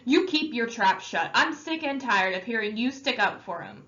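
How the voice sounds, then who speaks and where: Harsh, shouting older teen brother, as a woman reads him, high strained voice, muffled recording. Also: normal speed. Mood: furious.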